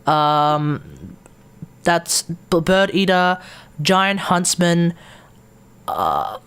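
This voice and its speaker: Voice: medium pitch, sing-song, extremely slow, fairly bright tone, clear, resonant tone. A game streamer with an Australian accent, chatting casually with blunt, sweary, mocking remarks. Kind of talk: casual livestream commentary.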